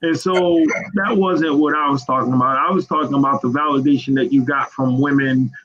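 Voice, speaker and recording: A man in his fifties, an author, answering interview questions in an earnest, halting way, often repeating words. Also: mid-range voice, steady tone, dull audio, noisy background. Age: 50s. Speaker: author as guest.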